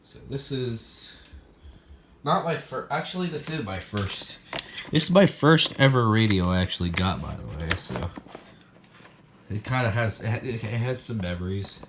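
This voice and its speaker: A hobbyist with a lowish, expressive voice shows off his weather radio collection at normal speed, handling the radios indoors. His show-and-tell is casual and unscripted, rambling as he thinks aloud. The room is echoey and there is loud background noise.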